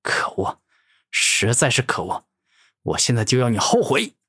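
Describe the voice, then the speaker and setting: Man doing a deep growling monster villain. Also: huge pitch swings, a little slow, a bit bright, slightly rough, exaggerated voice. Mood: furious. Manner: growling angry threats. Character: arrogant furious male monster warlord.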